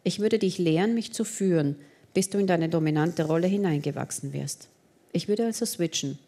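A woman's voice: lowish voice, normal speed, warm tone. A woman reading the lines of an earnest young man who pleads and persuades in an audiobook romance. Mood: persuasive.

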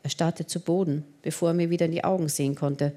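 A woman narrating a romance novel in the first person, in a measured, expressive reading. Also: low-pitched. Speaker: audiobook narrator.

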